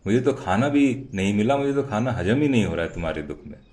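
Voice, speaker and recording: A man voicing a cunning female fox who talks in a hushed, falsely sweet, pitying way. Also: deep voice, normal speed, roomy sound, pitched below the performer's own voice, close to an everyday voice. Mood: fake pity. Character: sly scheming female fox, sweetly fake.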